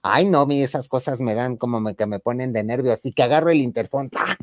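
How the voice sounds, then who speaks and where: A man with a Mexican accent telling a comic anecdote in a campy, theatrical way, acting out the women he quotes in a higher voice and laughing often. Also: fast talker, no room sound, clean studio sound. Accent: Mexican Spanish. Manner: laughs often mid-story. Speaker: storyteller on a chat show.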